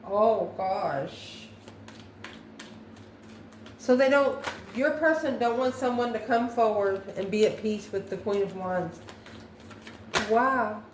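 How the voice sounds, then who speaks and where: This tarot reader is a woman whose medium-pitched voice moves slowly, with frequent pauses. Her reading is improvised, full of musings and self-answered questions, and the room's echo comes through along with faint background noise.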